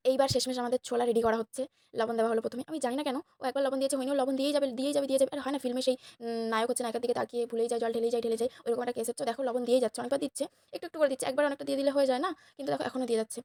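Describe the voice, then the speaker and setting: A young woman with a Bengali accent, slightly hoarse, chatting and teasing her friends as she narrates a casual vlog to viewers. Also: a little high, level tone, rapid-fire, darkish tone, dry recording, clean studio sound. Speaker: vlogger.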